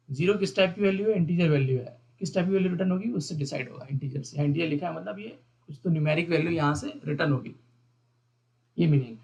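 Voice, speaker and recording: A man teaching a beginner programming lesson, explaining each part of the code slowly and repeating the terms, often asking his viewers questions. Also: on the high side, a little mellow. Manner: explains step by step, repeats terms, mixes English terms into Hindi. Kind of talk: screen-recorded coding lesson.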